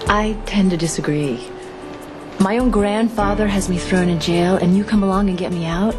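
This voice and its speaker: A woman's voice: mid-range voice, normal speed, over music, lightly acted. An actress playing a sardonic young woman in a soap opera who probes and pushes the people around her. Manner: sardonic, probing. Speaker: granddaughter.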